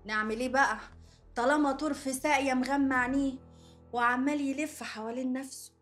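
Brief: sharp-tongued Egyptian girl, rapid and needling. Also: high-pitched, steady tone, soft background music. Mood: teasing. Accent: Egyptian Arabic. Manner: teasing, quick, quarrelsome. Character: sharp-tongued young woman teasing her cousin.

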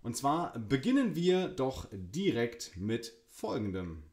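A man's voice: mid-range voice, very animated, slow pace, darkish tone. Enthusiastic guy presenting a tech demo, talking to a voice assistant, voice jumps all over. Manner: enthusiastic, gives spoken commands. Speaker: host.

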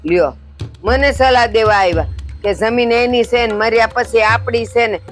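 A woman's voice: a little high, moderate pace, faint music behind. An older woman, acting as a scheming, scolding mother-in-law in a village family drama. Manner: scolding, domineering.

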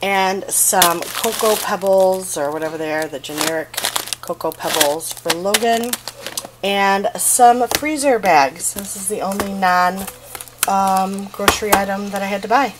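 A woman's voice: mid-range voice, unhurried, heavy background noise. A middle-aged woman chatting casually through a grocery haul in her home kitchen, listing items with fillers as she goes, filmed on a handheld phone. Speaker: vlogger. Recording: plastic bags crinkling in the background.

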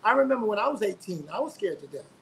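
Speaking earnestly from his home over a video call, a middle-aged South Carolina singer is the guest in a casual interview, racing along and often repeating words to gather his thoughts. His voice is high-pitched and fairly bright, swinging widely in pitch. The rough recording carries slight background noise.

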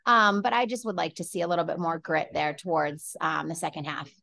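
A woman coach in her forties answers reporters' questions from an office through a laptop webcam. Her voice sits slightly low, and the sound is dry and close, with no room around it. She speaks in a measured way, with many fillers and restarts. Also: fairly even intonation, creaky, pushed and bright, no echo. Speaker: head coach. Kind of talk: postgame press conference answers. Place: indoor office with large window. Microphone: laptop webcam on video call.

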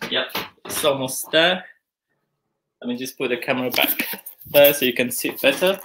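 With background noise in the clip, a man in his forties talks in a mid-range voice at a moderate pace. It's a casual live cooking demo from his home kitchen, where he chats as he works and thinks out loud with many fillers. He's recorded on a video call camera roaming the kitchen.

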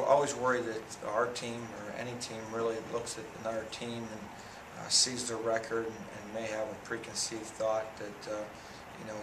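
A man in his thirties, a head football coach, answering questions after a game at a press conference, speaking plainly and steadily with many fillers and restarts. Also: lowish voice. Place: press room in front of a sponsor backdrop. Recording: echoey room audio from a far camera, noisy.

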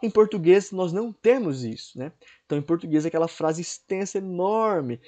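Mellow-voiced man teaching English grammar. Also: high voice, lively intonation, moderate pace. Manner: explanatory, repeats checks like "certo?" and "né?"; clears throat now and then. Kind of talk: recorded online lesson.

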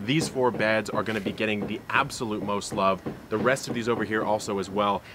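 A man in his thirties hosting a casual garden tour vlog, talking straight to a camera held close to his face, chatty and upbeat. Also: lowish voice. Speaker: gardening channel host. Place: outdoor front and side yard garden by a street, then a garden shed. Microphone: handheld camera close to face. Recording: outdoor street noise audible.

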